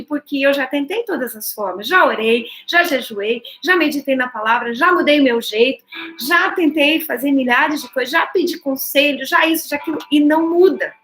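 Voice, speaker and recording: High-voiced woman pastor preaching. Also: fairly bright tone, poor audio. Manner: conversational, emphatic preaching with rhetorical questions. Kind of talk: sermon.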